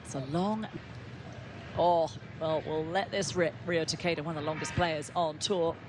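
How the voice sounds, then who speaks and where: A man's voice: fairly high pitch, fairly even intonation, normal speed. A man doing live play-by-play as a golf commentator on a tournament broadcast. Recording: clear outdoor background noise.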